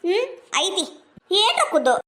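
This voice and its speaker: A woman's voice: very high-pitched, big pitch swings, moderate pace, noisy background. A woman with a North Karnataka Kannada accent, performing a village comedy sketch in a bragging, quarrelsome manner. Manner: bragging, quarrelsome, playing several village women.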